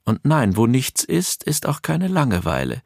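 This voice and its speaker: A man voicing a languid, nearly invisible female spirit in a storybook, speaking slowly and airily. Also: medium pitch, huge pitch swings, gravelly, a little mellow, dry recording, studio quality, voice pushed up, exaggerated voice. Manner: slow, drawling, airy.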